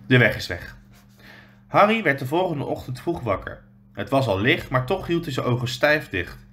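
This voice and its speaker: A male teacher reading a children's book aloud in a steady storytelling way with small slips. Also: medium pitch, moderate pace, slight background noise.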